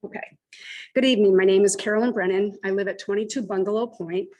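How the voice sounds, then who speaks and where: An older woman steps up to give her public comment at a school committee meeting. She is short of breath and talks as fast as she can so she can finish in her time. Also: medium pitch, fairly even intonation, dark tone, rough recording.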